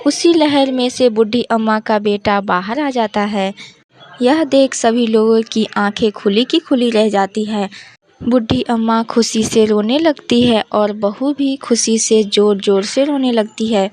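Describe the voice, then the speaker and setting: A woman storyteller narrating a devotional folk tale in a measured, deliberate way. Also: fairly high pitch, a little mellow.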